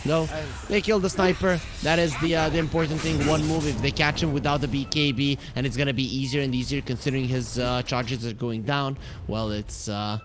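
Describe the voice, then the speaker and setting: A man commentating a live esports match, calling the action play-by-play and building excitement as fights break out. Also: medium pitch, a little fast, background noise.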